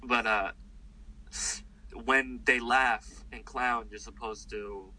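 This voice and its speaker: A mid-range male voice comes through a dry, low-quality recording. He's a comedian being interviewed, speaking slowly but in a loose, lively, meandering way, full of fillers and restarted thoughts.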